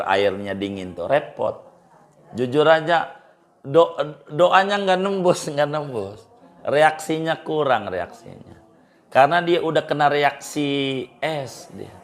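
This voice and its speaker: Man, middle-aged, cleric, casual religious advice, emphatic repetitions, average pitch. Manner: colloquial, repeats phrases for emphasis, lively pitch jumps. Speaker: Islamic cleric. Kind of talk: informal religious advice talk.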